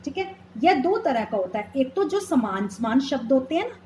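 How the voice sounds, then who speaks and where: A woman schoolteacher speaks in a high voice that rises and falls a lot. She is patient and takes her time over examples. The room echoes, with a faint hiss behind her. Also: sing-song, dark tone. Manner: patient, explains slowly with examples, calls students "beta". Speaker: school teacher. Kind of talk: classroom grammar lesson.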